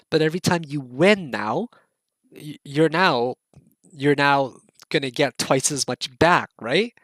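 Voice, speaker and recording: A man with a fairly high voice gives a casual online trading lesson. He sounds eager and coaxing, keeps checking in with his listeners and repeats words and phrases. The recording is dry and close, with no room sound. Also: fairly bright tone, dry recording. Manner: repeats words and phrases, restarts mid-sentence. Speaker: trading instructor.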